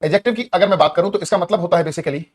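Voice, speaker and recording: A man teaching an online grammar lesson in a Hindi accent, energetic, repeating key words and asking students questions. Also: high-pitched, very fast.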